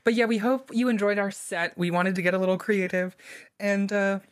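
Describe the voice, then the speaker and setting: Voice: medium pitch, steady tone, smooth, faint music behind, rough recording. A podcast co-host reading a creepy story aloud, then chatting casually and laughing often. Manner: laughs often, drawn-out emphasis.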